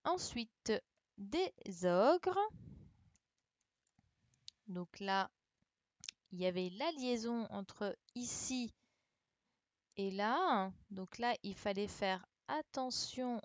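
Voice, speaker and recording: A primary school teacher corrects a dictation in an online class, patiently spelling out letters and checking her pupils keep up. Her mid-range voice has lively intonation, and she speaks extremely slowly with long pauses. The dull, lo-fi sound comes from a computer mic on a video call, with no room sound.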